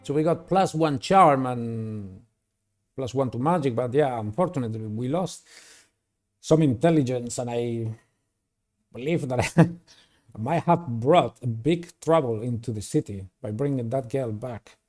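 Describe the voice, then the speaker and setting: A man hosts a game playthrough, reading a visual novel aloud and dropping in casual commentary. His mid-range voice is unhurried with a somewhat dark tone. Background music plays behind him throughout.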